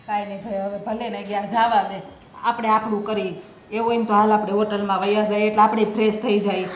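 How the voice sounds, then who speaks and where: An older woman with a Gujarati accent playing a mother-in-law in a family film, talking calmly. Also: mid-range voice, fairly quick, soft background music. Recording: roomy with faint ambience.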